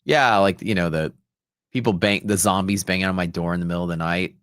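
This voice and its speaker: Here the Texas futures trader hosts his livestream at a slightly quick pace, his low voice fairly even in intonation and a bit bright. He tells casual, rambling stories packed with slang, captured in clean studio sound without echo.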